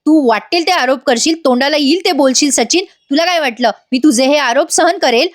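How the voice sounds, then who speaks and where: Woman voicing an outraged young wife, high and scolding. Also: fairly quick, natural voice. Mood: indignant. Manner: indignant, scolding.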